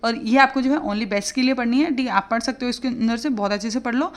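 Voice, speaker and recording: A woman's voice: a little high, fast. A woman, giving casual exam-prep study advice as a tutor and chatting with plenty of fillers.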